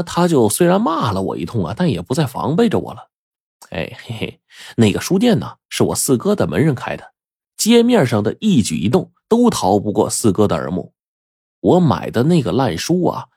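A man's voice: mid-range voice, gravelly, darkish tone, slightly rough, no echo, studio quality, pitched above the performer's own voice, full character voice. A man voicing a shrewd, jovial young prince who confides his schemes with chuckles. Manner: laughing, confiding, playful.

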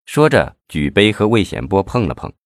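A man narrating an audiobook, telling the story steadily with an expressive rise and fall. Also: lowish voice, moderate pace, no room sound, clean studio sound. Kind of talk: audiobook narration of a crime novel.

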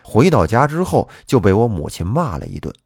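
Husky, lively male storyteller. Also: on the low side, fairly quick, no echo, clean studio sound. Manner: lively, animated first-person narration. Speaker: storyteller host. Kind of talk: folk tale storytelling. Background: faint background music.

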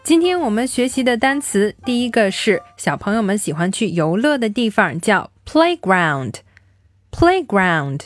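A woman teaching young children simple English phrases, explaining words and repeating them slowly for practice. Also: medium pitch, dry recording. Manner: slow, drilled repetition of English words.

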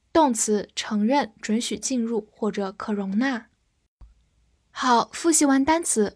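A woman teaching a vocabulary review lesson, repeating each English word twice before giving its meanings in a slow, deliberate way. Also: on the high side, no room sound, studio quality.

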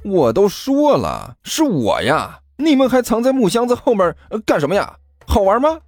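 A man voicing a brash, impatient male student who swears and shouts in exasperation. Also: sits high, huge pitch swings, normal speed, dry recording, faint music behind, pitched above the performer's own voice. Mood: exasperated.

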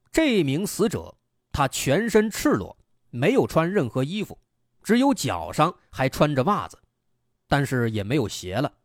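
Animated male true crime narrator. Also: on the high side, no room sound, clean studio sound. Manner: explanatory, poses rhetorical questions and reasons through them. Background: background music.

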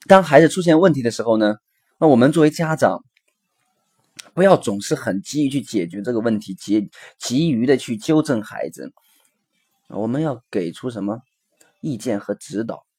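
A man's voice: medium pitch, lively intonation, normal speed, a little mellow, slightly rough. A man hosting a recorded parenting lesson, explaining earnestly with frequent fillers and acting out the dialogue of his examples. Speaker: parenting educator and podcast host.

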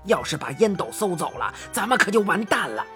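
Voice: mid-range voice, big pitch swings, brisk, pushed and bright, faint music behind. A storyteller voicing a cheeky, fearless eccentric old man who banters in colloquial speech. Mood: teasing.

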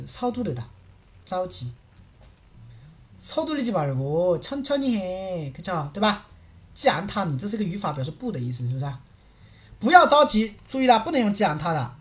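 A woman teaching in a livestream lesson, lively and full of rhetorical checks with her viewers. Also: on the low side. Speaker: Korean language teacher.

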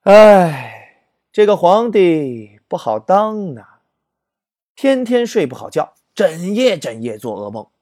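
A man voicing a shrewd ancient emperor who speaks slowly and sighs. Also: a little high, expressive, no room sound, studio quality, lightly acted. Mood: weary. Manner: slow, drawn-out sighing delivery. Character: scheming ancient male emperor, weary and shrewd.

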